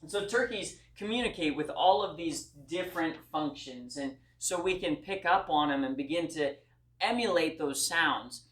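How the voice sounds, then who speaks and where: A man's voice: on the high side, animated, normal speed, a bit bright. A man giving a class presentation speech in a folksy, earnest way and speaking straight to his audience. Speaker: student speaker. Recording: echoey room.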